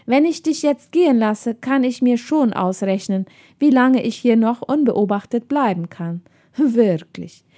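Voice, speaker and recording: Middle-aged male fugitive, put on by a woman reader: slow, hissing, sneering menace in a storybook reading. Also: fairly high pitch, animated, warm tone.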